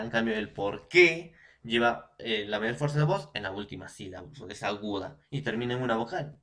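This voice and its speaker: A man's voice: medium pitch, a bit bright. A man with a Peruvian Spanish accent teaches a grammar lesson to secondary school students. He circles back over each point, sprinkles in fillers, and keeps asking the class whether they follow. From Peru. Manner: repetitive, checks with frequent "¿no?" and fillers.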